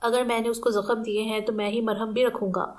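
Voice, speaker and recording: A woman's voice: on the high side, level tone, a little mellow, natural voice. A woman reading a proud young man's remorseful inner monologue in an audiobook novel. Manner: inner monologue, self-questioning.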